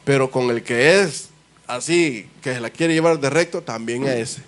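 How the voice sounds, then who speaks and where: A man's voice: medium pitch, normal speed. A man, a pastor preaching a sermon in a church, speaking emphatically to his congregation and posing rhetorical questions. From El Salvador.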